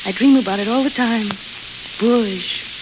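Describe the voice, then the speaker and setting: An actress performs in 1930s-40s radio drama style as a young desert waitress, a dreamy, frank, restless amateur painter who comes across as eager, plain-spoken, and wistful. Her young adult female voice is a little high and close to everyday speech, delivered at a measured pace with a dreamy, longing mood. The recording is hissy, crackly, and muffled like old radio.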